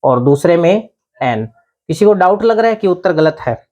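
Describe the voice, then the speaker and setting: A man's voice: sits high, expressive, moderate pace, darkish tone, muffled recording. Guy teaching grammar class, asks his own questions then answers em, keeps checking "thik hai na". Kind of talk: grammar lesson.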